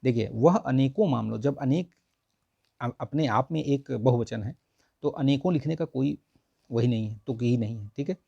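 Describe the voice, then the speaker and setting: Husky, dark-voiced male Hindi teacher. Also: mid-range voice, normal speed, no room sound, lo-fi sound. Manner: repeats "theek hai" constantly, coaxing and explanatory. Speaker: exam prep teacher. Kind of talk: online Hindi grammar lesson.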